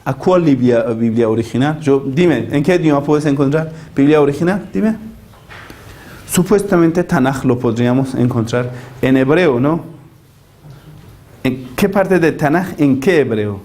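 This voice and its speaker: Animated man lecturing on religion. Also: mid-range voice, measured pace. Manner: animated, argumentative, asks rhetorical questions. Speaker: religious teacher.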